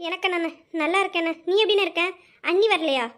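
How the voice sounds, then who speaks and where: A woman's voice: very high voice, steady tone, fast, fairly bright tone. A woman voicing an earnest young daughter-in-law who pleads politely in an amateur audio drama. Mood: pleading.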